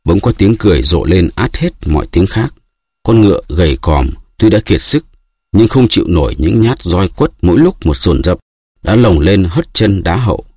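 A man with a very deep, husky voice reading a classic novel aloud in steady, expressive audiobook narration. The recording is dry and close with no room sound. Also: moderate pace, no echo.

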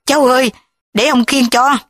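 A woman's voice: mid-range voice, animated, a little slow, dry recording. A woman voicing an anxious old grandfather pleading with his grandson.

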